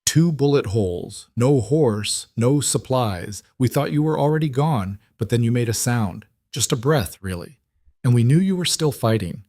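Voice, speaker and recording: A man voicing a calm man of about forty who tends a wounded stranger, speaking quietly with a foreign accent. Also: mid-range voice, dry recording, studio quality, pitched above the performer's own voice. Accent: foreign accent in English. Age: 40s. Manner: quiet, measured, steady.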